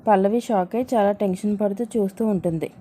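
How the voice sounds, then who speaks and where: A woman retelling a TV serial episode in steady storytelling narration. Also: medium pitch, fast talker, a little hiss or hum.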